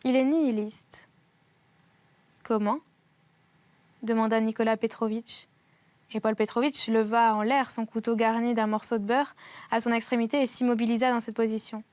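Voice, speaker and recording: A woman with a fairly high voice reads a classic novel aloud in a measured, gentle way. The recording is close and dry. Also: level tone, no room sound. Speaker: reader of a literary podcast.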